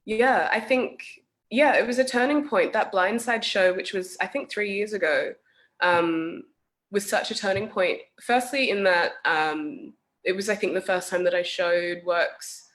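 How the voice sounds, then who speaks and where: A young adult woman from South Sudan, an artist, speaking thoughtfully in a casual talk with many pauses and fillers over a video call. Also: lowish voice, fairly bright tone.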